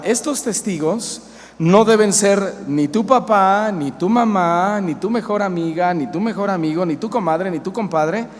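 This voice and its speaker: Un pastor mexicano de mediana edad predicando con énfasis y haciendo preguntas a la congregación. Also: male voice, high voice. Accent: Mexican Spanish. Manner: emphatic, asks the congregation questions. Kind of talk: sermon. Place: church hall. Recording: reverberant church hall, faint hiss.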